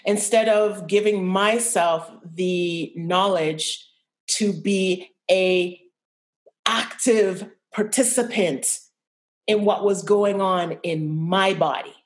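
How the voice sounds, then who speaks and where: A young adult woman telling a personal story as a podcast guest, reflective and halting, with many restarts. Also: mid-range voice. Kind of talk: candid personal interview.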